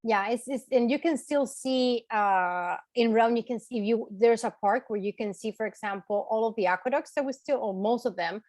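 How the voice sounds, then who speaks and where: With few pauses and a moderate pace, a woman speaks in a high-leaning, darkish voice, and the recording has no room sound. She's a Chilean tour guide giving a relaxed online lecture with questions, explaining and checking in with her audience using "right" and "okay."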